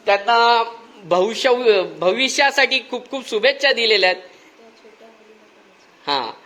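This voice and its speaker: A man's voice: extremely high pitch, bright, forceful tone. A man hosting a vlog at a village school, teasing the children playfully and giving formal thanks. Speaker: vlogger host. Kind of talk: casual vlog chat with schoolchildren.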